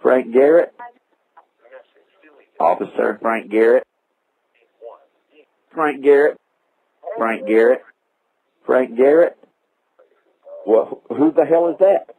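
This comic phone call features a middle-aged roofing business owner with a mid-range voice, slinging crude, mocking insults in a slow drawl. The line sounds tinny.

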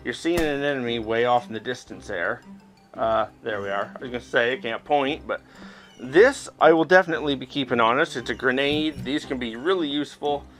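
A middle-aged man hosts a gaming video, casually explaining things with self-deprecating humor while playing a VR game indoors, game music behind him. His medium-pitched voice is a bit bright and a little fast.

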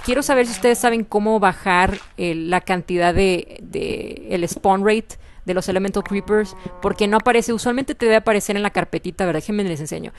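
A woman with a Mexican Spanish accent giving casual, chatty commentary over gameplay and repeating her words often. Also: medium pitch. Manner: chatty, excitable, repeats herself, frequent laughs. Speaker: gaming video host.

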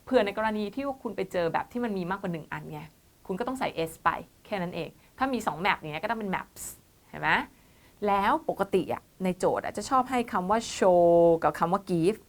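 A woman's voice: medium pitch, lively intonation, fairly quick. Woman tutor giving an online lesson, patient, explains each step, calls students "child". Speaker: IELTS teacher.

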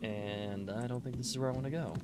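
A man's voice: mid-range voice, a little fast, background noise. A man giving casual, joking let's-play commentary while he plays an old game. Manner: jokey, lively, quips at the game. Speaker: gaming host. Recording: game music behind.

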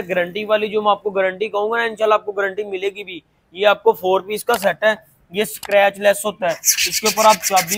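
A man, giving an unscripted, insistent and repetitive showroom sales pitch as host. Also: fairly bright tone. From Pakistan. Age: 20s. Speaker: furniture showroom owner and video host. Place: large indoor furniture showroom. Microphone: clip-on lapel mic.

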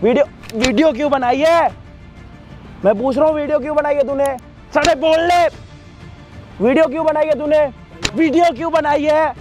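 A man's voice: extremely high pitch, moderate pace, long pauses, faint music behind. A young man, angrily interrogating and threatening someone over and over in a staged confrontation video. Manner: aggressive, repetitive interrogation. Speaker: confronting vigilante.

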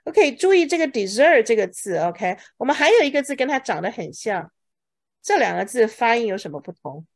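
A woman teaching English words to a class, asking questions, drilling each word slowly and saying OK a lot. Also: on the high side, very animated. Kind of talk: bilingual vocabulary lesson to a class.

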